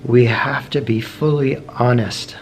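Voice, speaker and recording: Over soft music, a male meditation teacher speaks gently in short phrases separated by long pauses, keeping a very slow, measured pace. His medium-pitched voice is heavy with gravelly fry, and his intonation stays fairly even.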